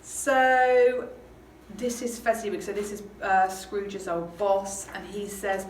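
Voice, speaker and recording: A woman's voice: medium pitch, fairly even intonation, slow pace. A woman teacher talking casually through a novel, chatty and hesitant with lots of ums. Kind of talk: casual literature lesson chat. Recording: roomy, distant mic, background noise.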